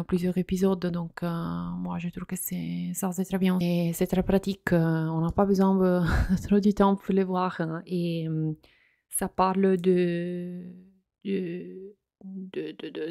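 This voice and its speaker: A woman hosting a soft-spoken ASMR chat, speaking hesitantly in non-native French with slips and frequent fillers. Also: on the low side, creaky, no room sound, studio quality. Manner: hesitant, many fillers and restarts. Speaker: ASMR channel host.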